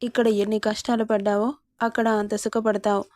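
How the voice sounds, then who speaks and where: A woman's voice: medium pitch, flat delivery, fairly quick, darkish tone, no room sound, studio quality, close to an everyday voice. A woman voicing a caring, protective middle-aged father in a storybook reading, tender with his daughter and firm with others. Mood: reassuring.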